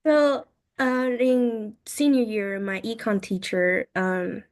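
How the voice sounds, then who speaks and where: A woman in her twenties from China, a guest telling her story in a casual interview, talking in halting phrases full of "like" and quoted thoughts. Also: medium pitch, steady tone. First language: Mandarin. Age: 20s. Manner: frequent "like" and "I was like" quoting, halting phrasing.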